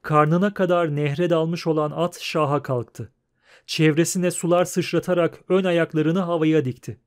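A man narrating an audiobook in a steady, measured reading. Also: fairly high pitch. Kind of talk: scripted narration.

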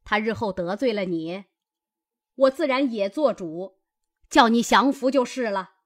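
A man's voice: high voice, animated, unhurried, pitched above the performer's own voice. A man voicing a stern, commanding old grandmother who scolds her grandson. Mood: teasing.

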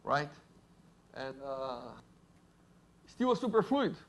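A man with a Brazilian Portuguese accent, a native Portuguese speaker, giving a lively university physics lecture and joking with the audience. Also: medium pitch, slow. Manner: lively, jokes with audience, asks "right?".

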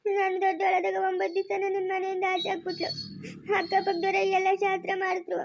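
A woman playing a mistreated young village woman with a rural Chikkaballapur Kannada accent, telling her story softly and haltingly through tears in a homemade family skit. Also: very high-pitched, monotone. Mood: tearful. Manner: soft, halting, tearful storytelling.

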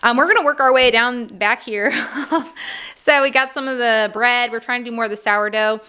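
A woman's voice: on the high side, normal speed, sharp tone, smooth. A woman in her thirties, a mother of a large family, chatting casually through a grocery haul at home, with lots of fillers and little laughs. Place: indoors at a home table.

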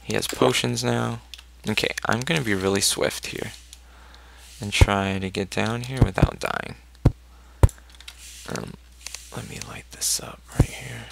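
A let's play gamer casually comments on his own gameplay, thinking aloud and cheering on his character. His lowish, gravelly voice is steady and a little slow with long pauses, in a noisy home recording full of loud keyboard clicks and typing.

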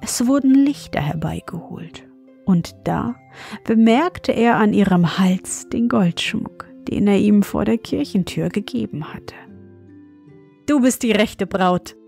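A woman calmly reading a fairy tale aloud as a bedtime story, in a measured manner. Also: medium pitch, vocal fry, soft background music. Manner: calm, measured.

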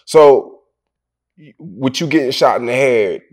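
A man's voice: mid-range voice, unhurried, darkish tone. A man interviewing a rapper in a casual, rambling way, full of fillers and restarts.

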